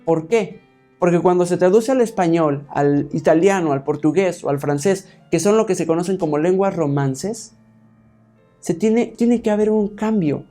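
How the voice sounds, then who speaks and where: A man's voice: high-pitched, moderate pace, dark tone, faint music behind. A man preaching a Bible teaching sermon, explaining point by point and often checking with his listeners. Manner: explains step by step, asks the congregation "¿sí?"; addresses listeners as "hermanos".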